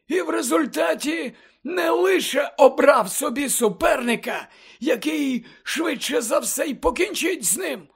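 A man voicing an elderly wizard headmaster who lectures urgently and emphatically, often close to shouting, in an audiobook reading. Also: very high voice, vocal fry, pitched above the performer's own voice, exaggerated voice. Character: elderly male wizard headmaster, fervent and impassioned.

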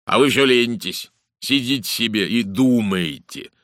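A man voicing a brisk, blunt middle-aged police inspector in an audiobook, talkative and matter-of-fact. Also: medium pitch, fairly bright tone, dry recording, studio quality, pitched above the performer's own voice, natural voice. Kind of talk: audiobook character voice.

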